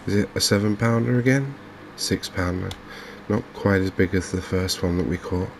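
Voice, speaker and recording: In this ASMR-style game stream, a soft-spoken man speaks low and gravelly over faint noise. He keeps an even, unhurried delivery, murmuring to himself as though thinking aloud.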